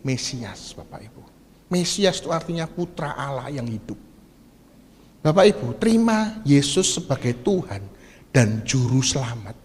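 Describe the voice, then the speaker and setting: A middle-aged man with an East Javanese accent, preaching to a congregation. He keeps asking the listeners questions, slips Javanese words into his Indonesian, and builds up to loud, shouted passages. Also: on the high side. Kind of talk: sermon to a congregation. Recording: long reverb of a church hall.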